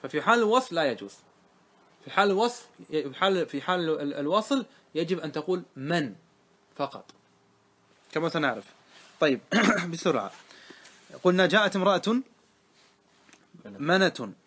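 A man's voice: fairly high pitch, animated, normal speed, long pauses, fairly bright tone. A man teaching grammar in a classroom lesson, quizzing his students again and again. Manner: quizzing students with repeated questions.

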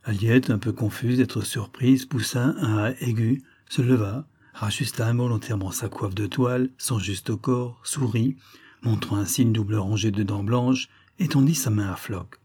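Husky, dark-voiced male audiobook reader. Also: on the low side, steady tone, normal speed. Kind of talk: audiobook narration of a classic novel.

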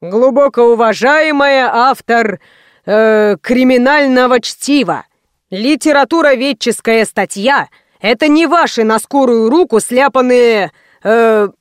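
A woman's voice: a little high, a little slow, clean tone, no room sound, clean studio sound, lightly acted. A woman reading aloud and voicing a pompous, scornful middle-aged male writer with a huffy, condescending manner.

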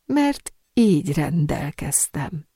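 Nobleman villain, cool and measured, voiced by a female reader; keep the tone low and dry. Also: no room sound. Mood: calm. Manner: calm, measured, self-satisfied. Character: calm scheming Italian nobleman, middle-aged man.

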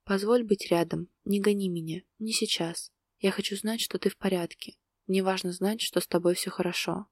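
A woman's voice: mid-range voice, steady tone, normal speed, no echo, studio quality, close to an everyday voice. Woman voicing Valera, a tense anguished man. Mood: tender. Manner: tense, urgent, speaking through gritted teeth. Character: distraught adult man, restrained but emotional lover.

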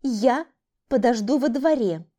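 A shrill, high-strung woman who schemes and then panics, pleading and defending herself, as an audiobook narrator plays her. Her voice jumps high and stays tense throughout. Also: animated, unhurried, dark tone. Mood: panicked. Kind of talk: audiobook character voice.

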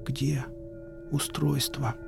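A man voicing a dying male scientist who speaks in a faint, breathy whisper. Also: medium pitch, flat delivery, very slow, soft background music, exaggerated voice. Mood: whispering, fading.

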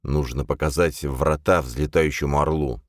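Quiet, pained timid man, read by a male narrator, very low and dry. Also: steady tone, moderate pace, no room sound.

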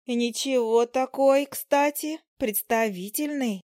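A woman voicing a chatty, excitable little female fly who giggles and fusses. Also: sits high, takes it slowly, dry recording, studio quality, pitched above the performer's own voice. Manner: giggly, fussing.

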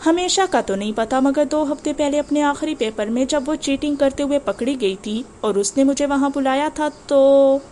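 A woman voicing a cold, arrogant wealthy man in an audiobook, speaking in a cool, cutting, measured way. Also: high-pitched, warm tone, slight background noise, close to an everyday voice. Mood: menacing.

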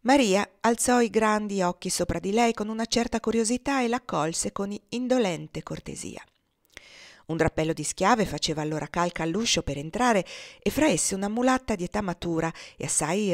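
A woman reading a classic novel aloud in a measured, steady storytelling manner. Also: fairly low pitch, no room sound, clean studio sound. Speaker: audiobook reader. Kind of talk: literary audiobook narration.

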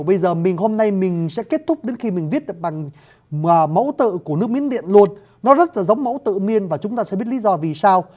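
A man with a high-pitched, mellow voice teaches a video lesson about scripts and their sounds. As a language teacher, he politely speaks to his audience and shows how to pronounce things.

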